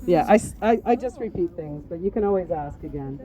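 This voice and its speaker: A woman teaching a group about plant medicine, telling lively stories and laughing often. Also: on the low side, a little fast.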